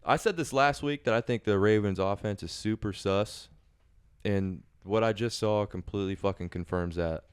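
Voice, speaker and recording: A man's voice: lowish voice, normal speed, clear, resonant tone. A man hosting a casual sports betting podcast, blunt and profane as he talks. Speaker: podcast host.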